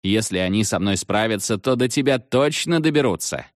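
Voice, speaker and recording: A man voicing a seventh-grade schoolboy who shouts urgently down a payphone. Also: on the low side, animated, dry recording, clean studio sound, lightly acted. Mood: brash. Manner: loud, urgent, hurried shouting. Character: excitable schoolboy on a payphone, about thirteen.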